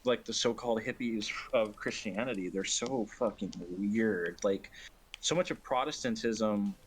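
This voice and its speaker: A man with a somewhat low voice chats loosely with friends while streaming a speedrun. He rambles and muses, swearing freely as he goes. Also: unhurried, a little hiss or hum. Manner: loose, profane, musing. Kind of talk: casual chat.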